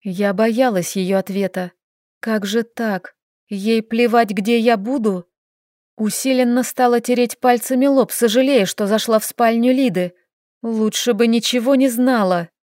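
A woman's voice: a little high, steady tone, unhurried, darkish tone, dry recording. Woman narrating an audiobook in a dry, close voice. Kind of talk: scripted first-person narration.

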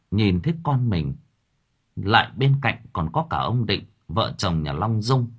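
A man narrating a horror story for an audiobook, with a dramatic, shifting delivery. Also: fairly low pitch.

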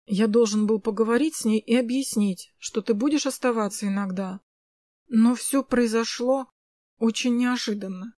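A gentle young man speaks softly and teasingly in an audiobook, read by a woman. His lines stay close to the reader's own fairly high voice, recorded dry and close. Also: normal speed, no echo, close to an everyday voice. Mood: apologetic. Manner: soft, teasing.

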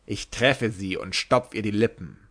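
A man voicing a coarse, hot-tempered old sailor who snarls his threats in a gruff voice. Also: lowish voice, expressive, takes it slowly, a bit bright, exaggerated voice. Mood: angry.

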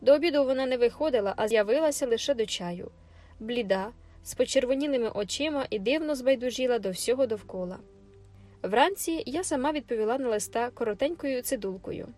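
A woman narrates an audiobook in a fairly high voice. She reads with plenty of expression and turns stern and scolding for the housekeeper's lines. Faint music runs underneath. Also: expressive, a little fast, a little mellow. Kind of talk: audiobook reading.

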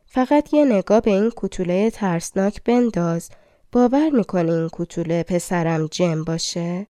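A woman's voice: lowish voice, lively intonation, mellow, no echo, studio quality, close to an everyday voice. A woman reading a storybook, voicing an indignant, scornful mother at a market stall.

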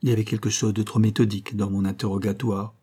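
A man reading a literary story aloud as a narrator, with a measured, even delivery. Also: lowish voice, husky. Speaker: audiobook reader.

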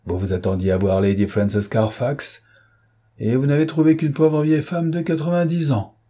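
A man's voice: mid-range voice, steady tone, moderate pace, warm tone, pitched above the performer's own voice, natural voice. A man reading an audiobook who voices a blustering, indignant middle-aged man with a mocking, rising delivery. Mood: sneering.

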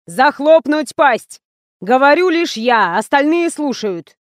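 A loud, explosive little man bellows orders and insults at his crew, drawn-out and bullying, as a woman narrator puts him on. The voice sits high and the recording is dry and close. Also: animated, dry recording. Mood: yelling. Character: fat little bossy male ad producer.

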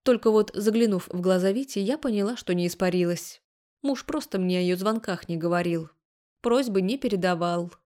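A woman's voice: mid-range voice, normal speed, mellow. Woman narrating a story in the first person. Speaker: audiobook narrator.

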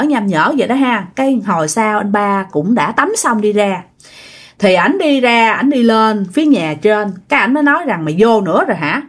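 Speaking with a Southern Vietnamese accent, a woman narrates a ghost story in a chatty style, addressing her listeners directly. Her voice has a medium pitch and is a little bright.

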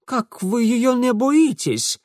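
A man voicing an excitable young man who shrieks and yells in panic. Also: very high-pitched, slow, no room sound, clean studio sound, voice pushed up, heavily acted. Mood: agitated. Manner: shrieking, frantic yelling.

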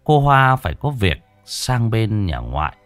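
A man narrating a horror story in a dramatic, expressive way, recorded on a close mic. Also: fairly low pitch, unhurried, no echo, faint music behind.

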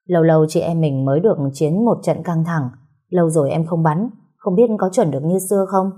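A woman voicing a loyal male henchman who reports calmly to his boss. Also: low voice, a little fast, slightly rough. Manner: calm reporting.

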